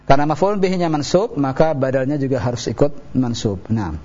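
A man's voice: medium pitch, lively intonation, a little fast, dark tone. A man teaching Arabic grammar on a radio call-in show, explaining patiently step by step and correcting callers. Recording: muffled radio broadcast.

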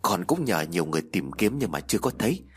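A worried young father, weary and stern, talking in a husky, slightly lowered voice, as a male storyteller does him. He sounds tired and strained inside a spoken ghost story. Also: sing-song, fast, full character voice.

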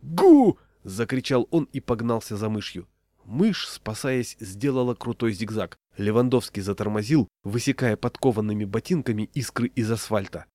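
A man narrating a humorous short story in a steady, wry reading voice. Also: lowish voice, normal speed, no echo.

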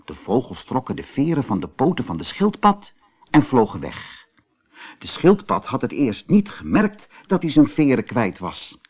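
A man with a medium-pitched, slightly rough voice tells a children's fairy tale in an expressive, leisurely read-aloud.

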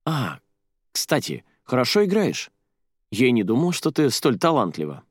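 A man's voice: medium pitch, wildly swooping pitch, moderate pace, no room sound, studio quality, pitched above the performer's own voice. A man reading the part of a friendly, easygoing young male student in an audiobook.

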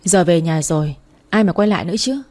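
A woman voicing a brash, talkative older woman who scolds bluntly and loudly, in a read-aloud story. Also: lowish voice, animated, close to an everyday voice. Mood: wheedling. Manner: blunt, scolding, quick to shout.

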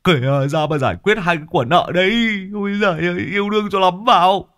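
A man's voice: sits high, fast, fairly bright tone, voice pushed up. A man voicing an exasperated older fortune-teller who scolds a colleague mockingly, in a spoken story.

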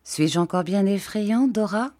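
Woman voicing a tender, earnest young lover, soft and coaxing, lowish. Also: expressive, measured pace, no room sound, clean studio sound.

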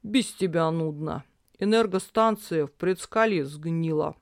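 A reader voicing a drunk father who rambles loudly in a storybook reading. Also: mid-range voice, a little slow, no echo, studio quality, natural voice. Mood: drunken.

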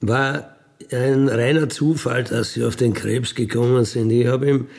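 Here a career criminal of fifty-one, speaking with an Austrian accent, tells his own story spontaneously in a plain, colloquial way, often attaching a questioning tag to his statements. His medium-pitched voice is gravelly and a little mellow, with fairly even intonation and a measured pace.

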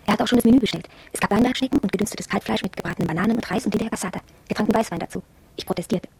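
Playing a headstrong, proud apprentice in a shop, an actress confides matter-of-factly in a radio drama monologue with a husky, slightly mellow voice. The pitch is medium, the delivery rapid-fire, the mood intrigued and recounting.

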